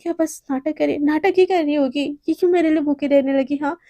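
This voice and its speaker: A woman's voice: sits high, fast talker, mellow, no echo. A woman voicing a bossy, short-tempered young female boss who scolds her assistant. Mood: scolding. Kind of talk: storytelling with character voices.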